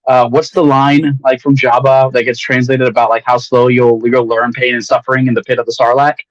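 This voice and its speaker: A man with a medium-pitched voice talks casually as a guest author on a livestream. He rambles candidly and plays himself down. The audio is dry and a little dull. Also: little pitch movement, fairly quick, no room sound.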